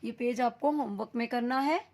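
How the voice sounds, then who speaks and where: A fairly high-pitched woman leads a lesson for small children. She stretches out each syllable clearly and repeats words for emphasis, dropping English words into her explanations. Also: normal speed, darkish tone. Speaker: teacher. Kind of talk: recorded online class lesson for young children.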